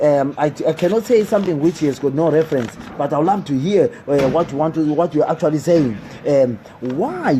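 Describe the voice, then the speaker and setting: Indoors in a building, a man hosts a live football talk stream, repeating his questions and urging viewers to respond. His voice is fairly high and mellow. The recording is rough, with a little hiss or hum.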